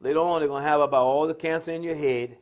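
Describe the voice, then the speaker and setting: His voice is a little high, well above most men's, with a steady tone and a quick pace. This American speaker improvises preaching-style social commentary on a religious talk live stream, using colloquial storytelling and emphatic repetition.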